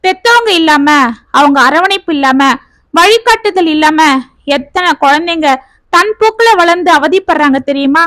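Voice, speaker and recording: A woman's voice: high voice, fairly bright tone, no room sound. A woman voicing a stern elderly aunt who lectures her niece reproachfully.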